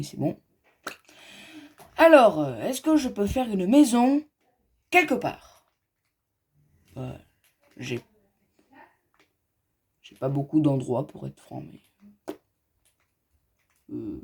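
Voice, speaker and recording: A gaming YouTuber with a creaky, darkish voice rambles loosely through a building game for his viewers. His pitch swings widely and animatedly between lines as he speaks straight to the audience and wanders into chatty asides.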